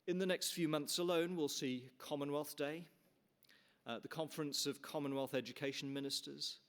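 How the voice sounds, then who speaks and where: A middle-aged Canadian man serving as chair delivers an earnest, formal welcome speech in a conference hall. His voice is a little high, and he often restarts and uses fillers.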